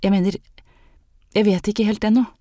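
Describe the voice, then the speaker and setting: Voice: medium pitch, steady tone, dark tone, no room sound, clean studio sound, voice pushed up, close to an everyday voice. A narrator voicing Anne, an anxious young maid with a secret healing gift, speaking earnestly and hesitantly in an audiobook. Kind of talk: audiobook character reading.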